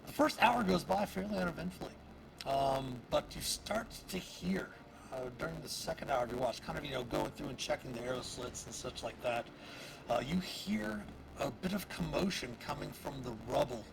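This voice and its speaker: A man narrating as dungeon master of a tabletop game, halting with many fillers. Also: medium pitch, animated, vocal fry, over music. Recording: noisy stream audio.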